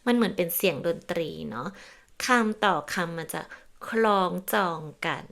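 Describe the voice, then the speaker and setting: A woman teacher with a light vocal fry, speaking in a gentle and encouraging way. Her first language is Thai, and she keeps slipping into slow, careful Italian phrases for her learners. She adds soft confirming particles as she goes. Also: lowish voice. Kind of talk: casual language lesson.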